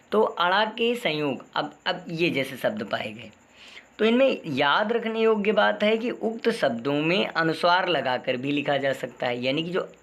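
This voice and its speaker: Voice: medium pitch, a bit bright. A teacher explaining spelling and pronunciation, asking rhetorical questions and repeating the answers.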